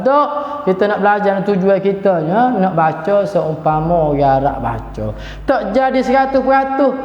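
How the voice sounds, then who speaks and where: A man with a Kelantanese Malay accent teaching a Quran class in a chatty way and chanting short passages to show how they are recited. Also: high voice. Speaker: religious teacher. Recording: echoey hall, dull lo-fi sound.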